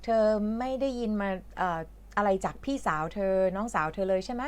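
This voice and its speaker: A woman's voice: medium pitch, animated, a little fast. A woman from Thailand who teaches English, patiently explaining a reading lesson in a chatty way with lots of fillers.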